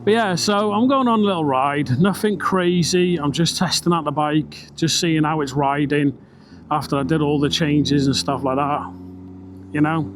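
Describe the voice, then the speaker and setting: Out on country roads on his motorbike, a British man with a highish voice vlogs at a moderate pace through a mic inside his helmet. He chats casually, rambling and swearing now and then, his voice enclosed, over engine, wind and road noise.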